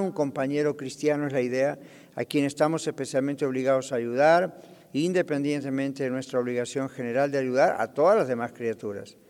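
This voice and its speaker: A man's voice: fairly high pitch, a little mellow, big-room sound. A man, a pastor, teaching a Bible study lesson, explaining and checking in with his class. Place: church.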